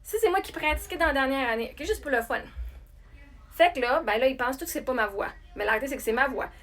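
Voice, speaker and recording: Québécois woman chatting to camera, high voice, lots of restarts. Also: quick pace. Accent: Québécois French. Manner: animated, chatty, many restarts. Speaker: singer and content creator. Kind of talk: casual talk to camera.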